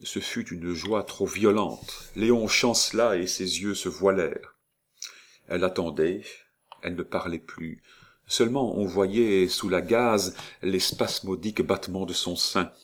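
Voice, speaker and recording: Low-voiced male audiobook narrator. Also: a little slow. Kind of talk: audiobook reading of a classic novel.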